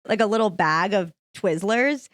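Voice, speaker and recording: A woman's voice: mid-range voice, animated, a little slow, fairly bright tone, no echo, clean studio sound. A young woman guesting on a podcast, chatting playfully with lots of "like.". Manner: playful, peppered with "like". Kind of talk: casual chat. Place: studio.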